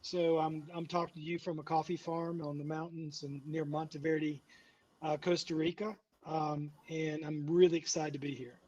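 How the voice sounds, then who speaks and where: A man's voice: on the high side, level tone, moderate pace, darkish tone. A man, a coffee farmer and company founder, speaks remotely from a mountain farm in an upbeat, enthusiastic way. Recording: distant, dry, dull remote audio.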